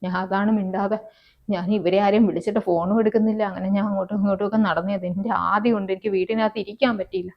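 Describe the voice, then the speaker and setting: A woman's voice: medium pitch, steady tone, fast, lightly acted. A woman acts out an anxious, caring mother-in-law in an amateur family web drama. She soothes, repeats herself, and worries aloud. The recording is a little dull and lo-fi. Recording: slightly dull, lo-fi sound.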